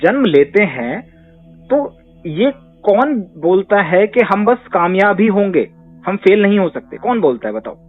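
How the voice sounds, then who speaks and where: A man's voice: sits high, big pitch swings, a little slow. A man answering questions as a therapist, making his points emphatically with rhetorical questions. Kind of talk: conversational Q&A advice. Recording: tinny phone-line audio with faint music.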